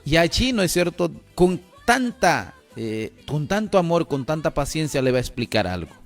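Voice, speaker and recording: A man's voice: fairly high pitch, normal speed, faint music behind. A man preaching a sermon, chuckling often and asking "¿no es cierto?" again and again. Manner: animated, chuckling, repeats "¿no es cierto?".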